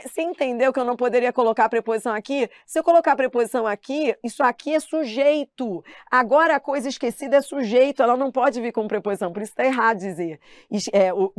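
A middle-aged woman whose voice sits a little high teaches grammar live online with a Brazilian Portuguese accent. She's chatty and lively and enjoys mimicking her students, and the recording is studio quality without room sound.

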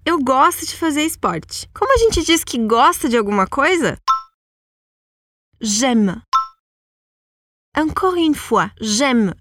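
High-voiced woman teaching French slowly. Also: a bit bright, dry recording. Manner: slow, careful model sentences for repeating. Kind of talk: language lesson with repetition drills.

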